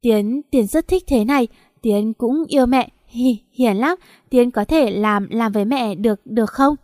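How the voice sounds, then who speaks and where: A woman's voice: on the high side, measured pace, darkish tone, dry recording, studio quality, natural voice. A woman doing a stammering childlike grown man. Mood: pleading. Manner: stammering, repeats words. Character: simple-minded childlike adult man, timid.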